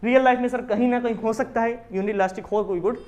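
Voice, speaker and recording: A man teaching a commerce class, explaining with lively questions to his students. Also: extremely high pitch, fast. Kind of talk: classroom lecture in Hindi with English terms.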